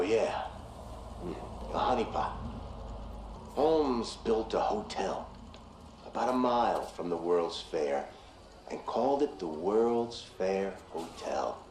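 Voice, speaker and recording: Slow-spoken jailed killer, calm and menacing, in a roomy game mix with faint hiss. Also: male voice, on the low side. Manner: slow, measured, menacing storytelling. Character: calm imprisoned male killer telling his story.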